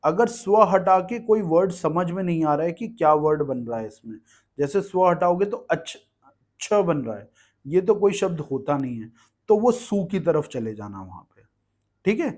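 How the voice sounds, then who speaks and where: A man's voice: on the high side, animated, normal speed, darkish tone. A man teaching an exam-prep grammar lesson, explaining patiently and checking in with the class again and again. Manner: explains patiently, asks "ठीक है" often.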